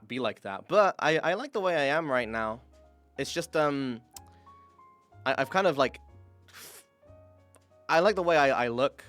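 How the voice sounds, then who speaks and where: A young man hosting a casual livestream, his pitch bouncing all over as he talks frankly, laughs things off and curses when the tech fails. Faint music plays underneath. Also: a bit bright. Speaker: streamer host.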